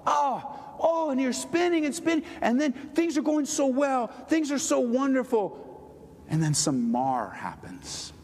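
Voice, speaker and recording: A middle-aged male pastor preaching a sermon, swinging between loud pleading and quiet tender talk. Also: very high voice, sing-song, unhurried, in a large hall.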